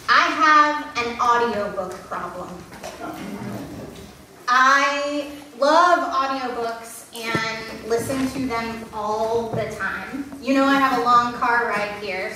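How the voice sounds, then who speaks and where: A woman pastor with a slightly high voice preaches in a church sanctuary, storytelling in a candid, self-deprecating manner. There's background noise, and the sound comes from a distance in a very echoey church.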